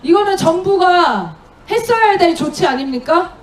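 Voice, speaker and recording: A woman with a very high, piercing voice runs an outdoor protest, asking the crowd rhetorical questions and leading chants. She speaks slowly and deliberately through a handheld mic, and her voice rings off the surrounding street with a faint crowd murmur behind her. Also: animated, distant mic. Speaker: rally emcee leading chants. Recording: echoey outdoor rally with crowd noise.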